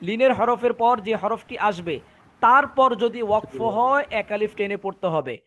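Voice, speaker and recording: Brief: male Quran tutor, Bangladeshi Bengali accent, high voice, patient, repeats each rule. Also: lively intonation, measured pace, a bit bright, muffled recording. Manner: patient, repeats points, drills students. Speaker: Quran recitation teacher. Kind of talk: online class teaching.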